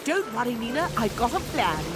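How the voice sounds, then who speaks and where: A woman voicing Nana, a cheerful and resourceful grandmother in an animated children's series, who talks in a reassuring, breezy way. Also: a little high, brisk, over loud music. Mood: calm cheerful. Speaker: grandmother character.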